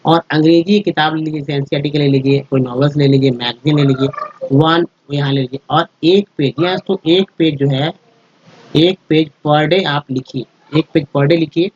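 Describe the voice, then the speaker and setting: Male teacher for a spoken slide lesson, fairly high voice, patient and repetitive, dry and slightly muffled recording. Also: moderate pace, a little mellow, slightly rough. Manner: explains step by step, repeats words and spells letters out; addresses viewers as friends, checks with "ठीक है". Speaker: English teacher.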